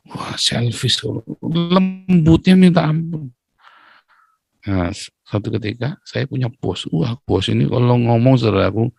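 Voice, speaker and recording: A man preaching a sermon in a lively, joking way, often calling his listeners brothers and sisters. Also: medium pitch, vocal fry, dry recording.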